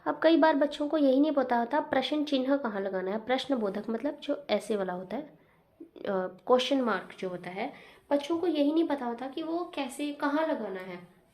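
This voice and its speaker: A woman's voice: sits high, animated, normal speed, a little mellow. A woman teaching a Hindi writing lesson, explaining each point with repeated examples and asides. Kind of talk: classroom lesson.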